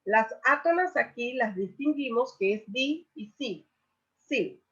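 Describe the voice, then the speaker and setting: A woman teaching a Spanish grammar lesson, explaining slowly and saying each example word loudly, then repeating it. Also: fairly high pitch, animated, breathy edge. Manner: stresses example words loudly and repeats them. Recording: dull lo-fi recording.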